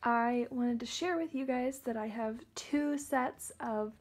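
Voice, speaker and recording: In a casual vlog, a young adult woman with a fairly high voice talks slowly to her viewers and laughs frequently. She films herself on an arm's-length phone in a horse barn, partly outdoors in rain. The recording is low quality, phone audio with barn noise.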